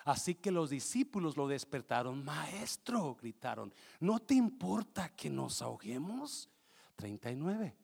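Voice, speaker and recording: A male pastor preaching a fervent sermon that swings between shouting and hushed tones. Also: a little high, vocal fry.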